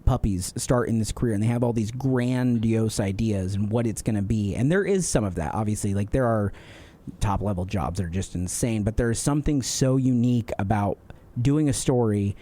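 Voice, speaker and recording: Mellow-voiced man hosting a podcast. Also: on the low side, moderate pace. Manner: friendly, affirming, rambling asides. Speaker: podcast host. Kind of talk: casual interview chat.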